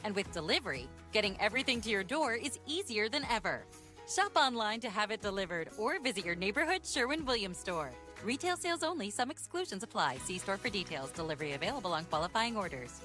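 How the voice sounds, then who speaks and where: A woman's voice: medium pitch, sing-song, quick pace, bright, forceful tone. A woman reading a scripted retail advertisement as a commercial announcer. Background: music.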